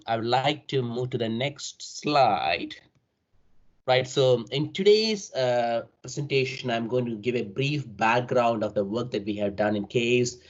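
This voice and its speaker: A man's voice: mid-range voice, darkish tone. South indian accent guy giving a uni talk online, says right? a lot, kinda dull lo-fi call sound. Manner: often ends sentences with tags like "right?" and "as such". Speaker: university faculty member presenting. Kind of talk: online academic presentation. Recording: dull, band-limited online call audio.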